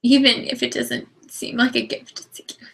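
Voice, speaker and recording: A woman giving a live tarot reading, earnest and emotional, reading card texts aloud and often dropping to a soft whisper. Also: fairly high pitch, flat delivery, normal speed, vocal fry, rough recording. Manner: spiritual, chatty, reads card texts aloud. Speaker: tarot reader.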